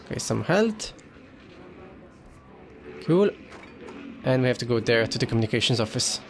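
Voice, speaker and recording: Man, let's play commentator, casual delivery, medium pitch, talking through gameplay and on-screen text. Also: very animated, moderate pace. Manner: casual, talks himself through the action. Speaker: video game let's player. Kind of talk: gameplay commentary, reading in-game documents aloud.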